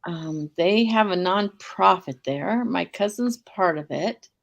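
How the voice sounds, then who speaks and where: A woman's voice: fairly low pitch, expressive, slow pace, creaky, highs cut off. A woman chatting casually on a video call, with many stops and restarts. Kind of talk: casual chat.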